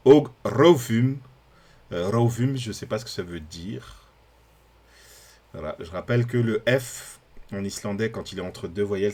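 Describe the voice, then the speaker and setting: A man with a fairly low voice hosts a live stream and thinks aloud as he goes. He hesitates a lot and fills pauses with fillers. He sounds out unfamiliar words slowly and loudly, then lets his voice drop away to a mumble. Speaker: podcast host.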